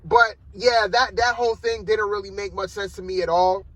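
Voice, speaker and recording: Bright high-voiced man rambling a film review. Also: level tone, normal speed, dry recording, poor audio. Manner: rambling and loose, peppered with "like" and "man". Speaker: movie reviewer. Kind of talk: casual spoken film review. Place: inside a parked car.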